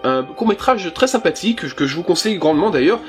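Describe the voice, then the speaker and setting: A man's voice: sits high, expressive, fast, faint music behind. A man chatting casually and with enthusiasm as he shows his film collection, with a few fillers. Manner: self-conscious about his English pronunciation. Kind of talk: casual presentation.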